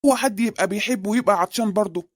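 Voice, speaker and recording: A woman's voice: mid-range voice, very fast, no echo, clean studio sound, close to an everyday voice. A woman voicing a scheming middle-aged married man in a comic cartoon, with an Egyptian accent and a sweet-talking, evasive manner. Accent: Egyptian Arabic.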